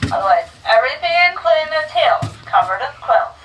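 A zoo train tour guide talks to riders outside, quizzing children and coaxing animals out to be seen. She sounds high, expressive, fairly bright and a little fast, coming from a handheld microphone over the train speaker, captured from afar by the camera amid outdoor noise.

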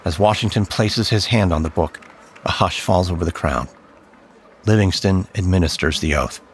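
Low-voiced man narrating history. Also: a little hiss or hum. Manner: measured, solemn storytelling. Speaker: podcast narrator. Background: faint background music.

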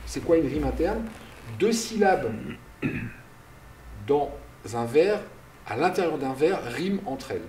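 A man lectures in a hall, slow and deliberate, his voice mellow and lively in pitch. He explains patiently and answers his own questions. He sounds a little far from the mic in a roomy, echoing space. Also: a little hiss or hum. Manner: directs slide changes aloud. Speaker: university lecturer. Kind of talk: public lecture.

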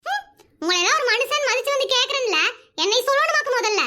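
A woman's voice: very high-pitched, lively intonation, quick pace, bright, forceful tone, heavily acted. A woman voicing a quarrelsome, nagging village wife in a cartoon, needling with mocking questions. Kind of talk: cartoon voice acting.

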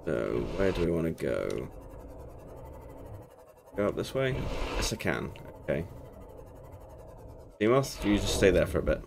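With a low, sing-song, slightly slow and creaky voice full of long pauses, a young British man narrates a casual let's play from his home gaming setup. He sounds a bit congested from a cold and is chatty, rambling and self-correcting. Game music and background noise sit under his commentary.

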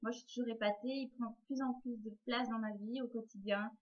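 A woman's voice: on the high side, steady tone, quick pace, dull audio. A woman book blogger talking through her year in a casual vlog, chatty, with frequent hesitations and repeated words.

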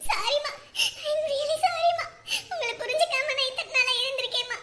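A tearful teenage daughter, played by a young woman, pleads and apologizes through sobs in a very high, bright voice. The room is hard and echoey. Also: normal speed. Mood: tearful, apologetic. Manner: sharp-tongued complaining, then tearful pleading. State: crying. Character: teenage daughter, sulky then tearfully loving.

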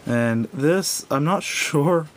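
Seated indoors at a wooden table, a man gives a casual, unscripted, hands-on product review, speaking extremely slowly yet animatedly. He's hesitant and rambling, correcting himself often. The home recording is noisy, with a low rumble.

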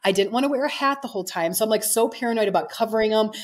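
Fast-talking chatty woman host. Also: fairly high pitch. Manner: chatty, storytelling, animated asides. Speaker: podcast host. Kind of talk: casual interview chat.

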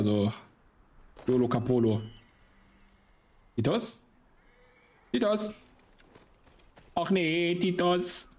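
A man giving excitable, slangy casual commentary while he plays a game, swearing often. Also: on the high side. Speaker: let's play host.

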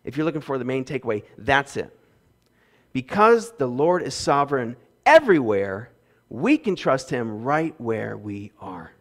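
Pastor guy in his 30s preaching, voice jumps all over, goes loud then soft, headset mic in church. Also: medium pitch, sing-song, unhurried. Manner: earnest preaching, swinging between loud emphasis and quiet asides. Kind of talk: sermon. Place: church stage with windows behind.

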